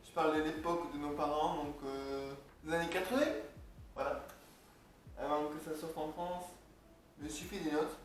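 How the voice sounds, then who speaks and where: A man's voice: fairly high pitch, normal speed, soft background music. Rambling young man in an echoey room. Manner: rambling, joking, reads from notes. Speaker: video creator. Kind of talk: casual vlog talk. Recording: echoey room, far from mic, faint noise.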